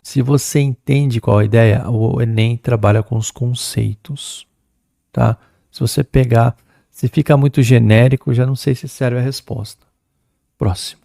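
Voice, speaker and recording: A middle-aged Brazilian man teaching an exam-prep English lesson, chatty and lively, reading English passages aloud slowly. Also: mid-range voice, creaky, no echo, clean studio sound.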